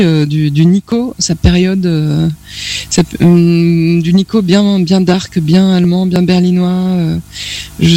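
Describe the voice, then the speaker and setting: A woman singer as a guest in a radio studio interview, talking reflectively and hesitantly, pausing often to find her words. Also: lowish voice, mellow. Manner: reflective, hesitant with many pauses and fillers.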